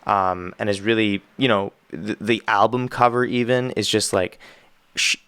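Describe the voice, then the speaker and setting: A man's voice: fairly low pitch, steady tone, normal speed, a bit bright, clear, resonant tone, no room sound. A Canadian man, a musician, giving enthusiastic, rambling casual commentary as he reacts to an album.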